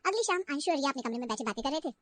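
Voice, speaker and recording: A woman narrates a children's cartoon story in a plain, even way. Her voice is high, quick and bright, recorded dry and close. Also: no echo.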